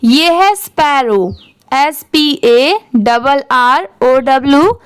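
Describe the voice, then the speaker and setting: A woman teaching English reading, spelling out words letter by letter in a slow, patient way and often asking and then answering her own questions. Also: high-pitched, lively intonation, no echo, clean studio sound.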